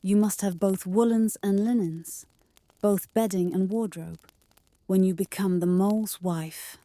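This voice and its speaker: Woman reading as a bossy old mouse, soft and breathy. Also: mid-range voice, fairly even intonation, measured pace, no room sound, lightly acted. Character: bossy old female field mouse, scolding and practical.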